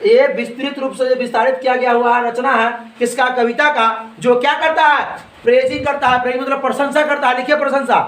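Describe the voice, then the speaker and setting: A man's voice: very high-pitched, level tone, a little fast, a bit bright. A male teacher lecturing on a poem, asking questions and then answering them himself, repeating each point. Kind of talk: classroom lecture explaining a poem. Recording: echoey room.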